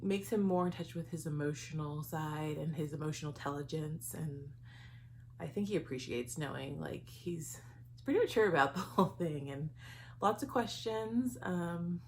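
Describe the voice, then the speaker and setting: A woman's voice: deep voice, normal speed, slight background noise. A young woman chatting casually in a vlog, a bit out of breath, giggling and saying um often. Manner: chatty, giggly, with many ums. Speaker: vlogger.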